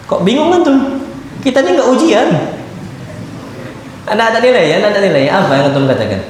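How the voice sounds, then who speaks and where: A man's voice: high voice, animated, brisk. Emphatic male preacher in an echoey mosque. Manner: emphatic, questions the audience directly. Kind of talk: sermon at a mosque study circle. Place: large mosque hall. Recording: echoey mosque hall, faint noise.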